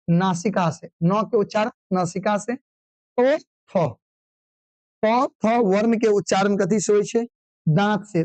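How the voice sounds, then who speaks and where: A man's voice: high-pitched, a little mellow, no echo, poor audio. Guy teaching online revision, fires questions and answers them himself, kinda scolding, dry close sound. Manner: drilling call-and-response questions, brisk and scolding. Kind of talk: online exam revision class.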